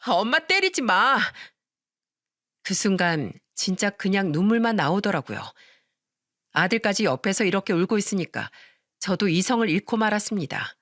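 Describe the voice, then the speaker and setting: A woman narrating a story in expressive radio-story style. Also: mid-range voice, no echo, clean studio sound.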